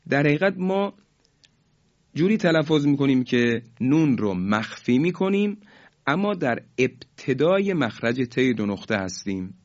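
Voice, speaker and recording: Patient man teaching Quran recitation, lo-fi. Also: medium pitch. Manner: explains patiently, then chants each example slowly and drawn out; formal and polite, asks students to repeat after him. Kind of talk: recorded lesson on Quran recitation rules. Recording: dull lo-fi recording.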